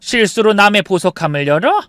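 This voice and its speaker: A man voicing an indignant older mother-in-law in a story, protesting in sharp outbursts. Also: sits high, very animated, a little fast, dry recording, voice pushed up. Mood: bitter.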